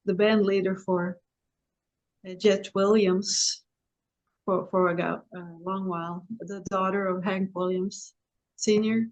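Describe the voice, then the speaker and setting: A singer-songwriter woman from Sweden, a guest in an interview, who talks slowly and haltingly with many restarts. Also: medium pitch, flat delivery, highs cut off.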